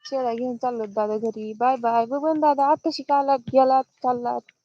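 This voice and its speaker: A woman's voice: sits high, steady tone, normal speed, muffled recording. A woman from the Dharashiv area, chatting casually on a live stream while herding goats outdoors, greeting viewers and reading their comments into her phone. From Dharashiv district, Maharashtra.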